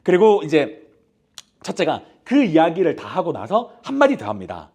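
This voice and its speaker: A male youth pastor giving a conversational sermon at a church youth service, asking the congregation direct questions and speaking with a gently hesitant manner and many fillers. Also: a little high, huge pitch swings, normal speed, breathy edge.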